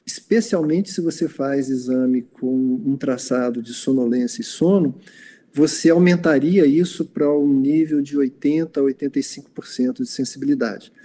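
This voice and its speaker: A man's voice: mid-range voice, normal speed, dark tone, a little hiss or hum. A Brazilian man giving a lecture and answering questions online, hesitant, with many fillers and restarts. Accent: Brazilian Portuguese.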